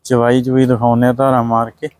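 A man's voice: mid-range voice, completely flat delivery, fast talker, darkish tone. Punjabi man praising cattle, dry sound. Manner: repetitive, praising, echoes answers. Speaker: livestock video host. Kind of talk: casual livestock sales walkthrough. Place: outdoor dairy farm yard.

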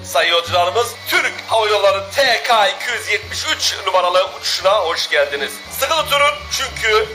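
A young man imitating an airline pilot making a cabin announcement in a formal announcer tone, with halting English mixed in. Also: high voice, lively intonation, bright, forceful tone, faint music behind, heavily acted.

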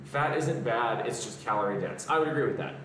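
A young man from the American South, a fitness streamer, chats casually on a live stream from his home gym, answering comments between exercises. His voice is medium-pitched and brisk, caught by a distant camera mic with roomy garage echo and background noise.

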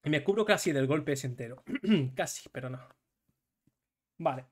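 A man, commentating his own match live as a gaming streamer, excitable and swearing, going from low mutters to shouts. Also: moderate pace, husky.

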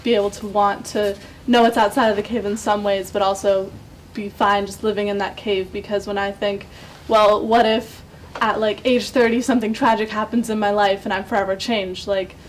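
A woman's voice: medium pitch, flat delivery, moderate pace, slight background noise, low-quality recording. A teenage girl, a student, thinking aloud in a group discussion and losing her thread at times. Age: teens. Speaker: student participant. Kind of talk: discussion contribution. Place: school library, indoors.

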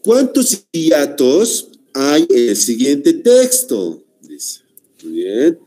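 Very slowly and with huge swings in pitch, a man delivers an online language lecture in a warm, medium-pitched voice. He calls his students "señores" and keeps stressing and repeating his points.

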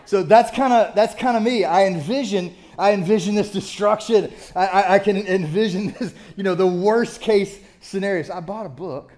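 A man's voice: sits high, moderate pace, hardly any pauses, a little mellow. An older man, a pastor, preaching a sermon in a church in a conversational, self-deprecating storytelling way. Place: church sanctuary.

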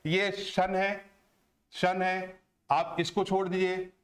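A man teaching a lesson on word stress, slow and deliberate, who asks questions and answers them himself. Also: high voice, flat delivery, fairly bright tone. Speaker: English teacher.

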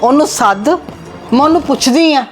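A woman's voice: sits high, normal speed, faint music behind, close to an everyday voice. A woman playing a stern mother-in-law who scolds and demands answers in a family drama skit. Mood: scolding. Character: stern mother-in-law, scolding and proud of her elder daughter-in-law.

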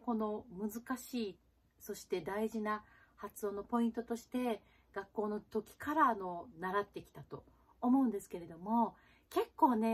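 Woman from Japan, jazz singer and pronunciation teacher; friendly, chatty video-lesson delivery. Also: on the high side. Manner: chatty, with frequent fillers and soft tag particles; slow, drawn-out sound demonstrations.

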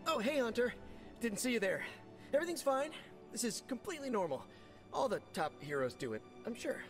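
A man's voice: wildly swooping pitch, faint music behind. A quippy young Spider-Man. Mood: flustered. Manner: jokey, fast and playful, voice jumping high and low. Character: young male superhero, quippy and nervous. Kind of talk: video game voice acting.

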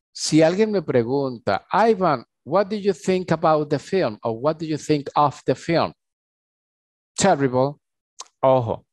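A man teaching a conversational English lesson. He stretches out the English model phrases slowly and then explains them. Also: medium pitch, darkish tone, no echo. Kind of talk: recorded online lesson.

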